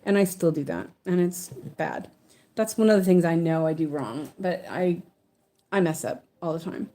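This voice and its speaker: A stitching channel host, a native English speaker from an English-speaking country who now lives in Sweden, chats casually while working on a project. She rambles with many restarts, in a warm voice on the low side at a moderate pace.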